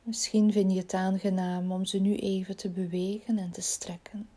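Woman, meditation guide, soothing and unhurried, soft near-whisper, breathy, warm dark tone. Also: mid-range voice, level tone. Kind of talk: guided body-scan relaxation.

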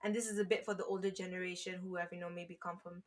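This podcast guest from Malaysia, founder of an online community page, talks fast in a fairly low voice with little pitch movement. She's earnest and rambling, full of "you know" and restarts, in a casual interview.

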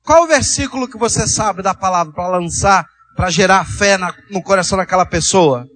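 High-voiced priest preaching a sermon. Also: male voice, moderate pace, low-quality recording. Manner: storytelling preacher, drops soft and low for quoted dialogue, rises to exhortation.

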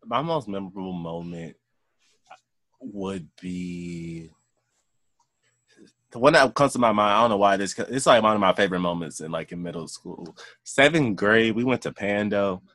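Young male co-host, lowish voice, dry close sound, easygoing rambly delivery. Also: moderate pace, vocal fry, dry recording. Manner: relaxed, rambling with fillers. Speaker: podcast co-host. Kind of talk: casual podcast chat.

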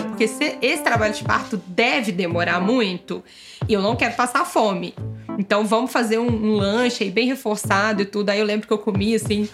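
A young adult woman casually telling her own birth story, acting out the dialogue in lively turns. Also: mid-range voice. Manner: lively, acts out quoted dialogue.

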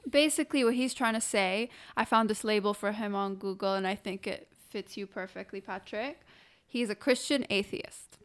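A woman's voice: medium pitch, normal speed. A woman from Iraq and Oman, co-hosting a casual podcast chat in a playful, teasing way. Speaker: podcast co-host.

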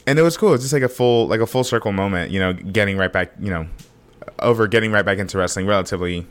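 Hoarse, deep-voiced man. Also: fast talker. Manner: speaking low to spare his voice; enthusiastic, filler-heavy. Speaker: podcast co-host. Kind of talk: casual chat.

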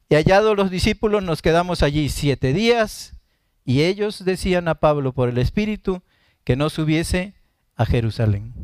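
Male preacher, high and clear, unhurried live-streamed scripture teaching with self-corrections, dry close sound. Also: no echo. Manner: unhurried, reads scripture then explains, self-correcting asides.

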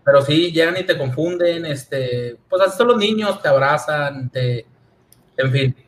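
Conversational man teacher, slightly high voice. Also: measured pace, a little hiss or hum. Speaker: teacher, guest. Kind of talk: casual chat.

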